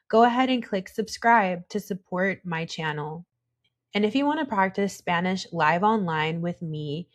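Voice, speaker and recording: A young adult woman teaching Spanish pronunciation, patient and encouraging, modelling each sound slowly. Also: medium pitch. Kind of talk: slow, calm pronunciation tutorial.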